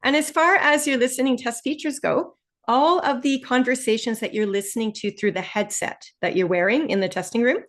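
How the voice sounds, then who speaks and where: Her voice is a little high and a bit bright as this Canadian woman with an Ontario accent teaches a test-prep webinar online, friendly and explanatory, easing her pace whenever a key point needs emphasis.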